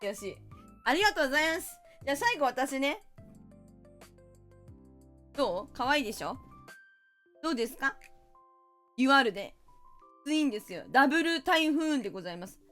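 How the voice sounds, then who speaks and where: A woman's voice: sits high, very animated, a little fast, pauses often, fairly bright tone, faint music behind. A woman streamer chatting casually while playing a party game, playful and teasing with mock-indignant outbursts.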